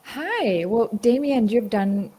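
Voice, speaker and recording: A woman's voice: fairly high pitch, lively intonation, takes it slowly, warm tone, breathy edge. A woman introducing herself on a video call in a chatty, giggly way. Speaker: guest speaker. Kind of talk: casual self-introduction.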